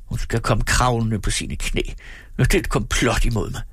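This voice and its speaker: A man voicing a blustering, greedy man who swings between rage and self-pity, ranting and accusing in a husky voice. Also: fairly bright tone, no echo, clean studio sound. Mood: indignant ranting. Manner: ranting, accusing, shrill when furious.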